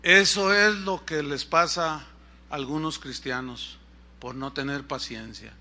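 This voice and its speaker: A man preaching a sermon, telling stories with animation and swinging between loud and quiet. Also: on the high side, takes it slowly. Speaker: pastor.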